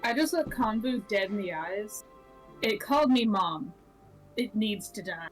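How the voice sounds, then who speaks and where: A woman plays her character in a casual tabletop game, sounding fed up and dry, with frequent swearing. Her pitch is mid-range for a woman. Soft game music runs faintly behind her. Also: animated, a little slow. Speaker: player.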